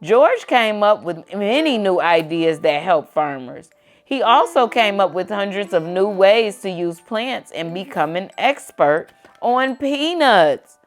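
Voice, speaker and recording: Background music accompanies a woman reading a picture book aloud, her medium-pitched voice slow and sing-song. She uses simple phrasing and talks to a young child between sections.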